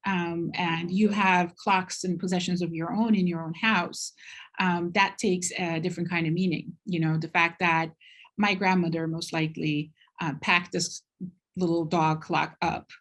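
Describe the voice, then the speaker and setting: A middle-aged woman from Turkey giving a slide presentation at a university talk, speaking in an unhurried, thoughtful way with frequent ums. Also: fairly low pitch, level tone, a bit bright.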